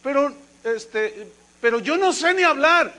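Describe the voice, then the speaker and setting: A man's voice: lively intonation, a little slow, bright, forceful tone, exaggerated voice. A man voicing a timid, reluctant prophet who hesitates and pleads. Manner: hesitant, pleading, high and strained.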